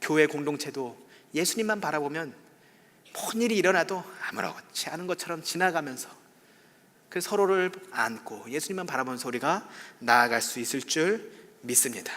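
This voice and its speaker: Brief: male pastor preaching, high and bright, emphatic with loud swells and quiet drops, church reverb. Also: expressive, normal speed. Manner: emphatic, swings between loud peaks and soft drops. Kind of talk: sermon. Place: church sanctuary.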